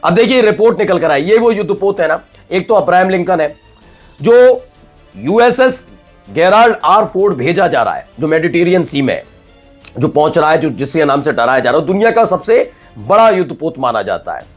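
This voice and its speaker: A man presenting news commentary in a conversational, animated way, with frequent restarts. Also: a little high, moderate pace, soft background music.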